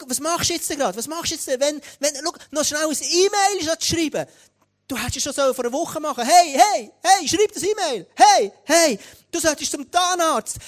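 A man's voice: very high-pitched, voice pushed up. A man putting on a pestering inner voice of distraction that keeps nagging insistently. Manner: insistent, repetitive hey-hey nagging.

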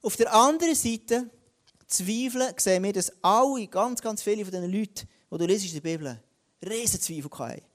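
A high-pitched man preaching. He delivers his sermon in a lively way, giving the biblical figures their own voices and dragging out key words for weight. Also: moderate pace. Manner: lively, acts out biblical voices, varies pace for emphasis.

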